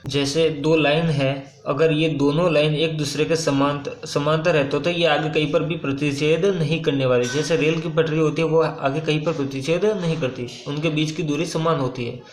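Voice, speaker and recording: A male maths teacher with a fairly high voice walks through a problem step by step. He keeps asking and answering his own questions, with filler pauses between them. The room around him sounds echoey. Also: steady tone. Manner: casual, with frequent "uh" pauses and repeated phrases. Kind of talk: whiteboard maths lesson.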